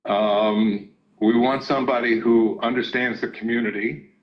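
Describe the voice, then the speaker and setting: A man's voice: medium pitch, steady tone, a little slow, muffled recording. A man heard over a speakerphone in a council chamber, explaining a board decision to a public meeting with many ums and restarts. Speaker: zoning hearing board chair.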